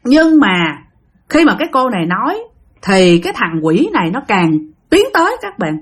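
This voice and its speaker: Husky Southern Vietnamese woman storyteller. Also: medium pitch, big pitch swings, normal speed. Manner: chatty, addresses listeners directly. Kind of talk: spooky storytelling.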